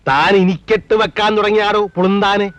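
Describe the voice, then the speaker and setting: A domineering landlord, middle-aged and wealthy, who talks down to those around him with mocking scorn. His voice sits slightly high. It is recorded close and dry, with no room sound. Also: brisk, a bit bright, no echo. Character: scheming wealthy landlord father, mocking and bossy. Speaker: wealthy landlord, a young man's father. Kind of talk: film dialogue.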